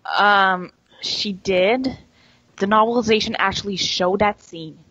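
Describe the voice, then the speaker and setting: A woman's voice: medium pitch, unhurried, fairly bright tone, dry recording, muffled recording. A woman asking questions in a casual comic mock interview, wry and a little exasperated. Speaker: panel interviewer.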